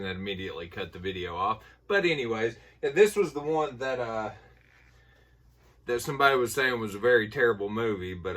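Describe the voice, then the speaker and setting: Low-voiced man with Appalachian hillbilly accent. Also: a bit bright. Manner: folksy, informal. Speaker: movie collector showing a haul. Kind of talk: casual rambling haul vlog. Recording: voice distant from the mic.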